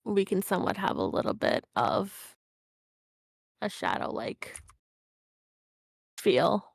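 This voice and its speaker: A woman playing a tabletop game, speaking in a measured, formal way. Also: medium pitch, sing-song, gravelly, dry recording, studio quality. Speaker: player. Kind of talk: casual tabletop game play.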